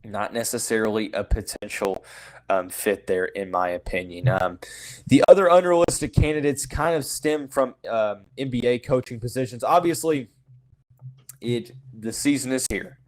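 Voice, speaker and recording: A man's voice: mid-range voice, normal speed, poor audio. A man hosting a sports podcast, talking casually and frankly, with many "you know" fillers and restarts. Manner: frank, opinionated, says he calls it as he sees it. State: has the hiccups. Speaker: podcast host. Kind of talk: casual sports talk monologue.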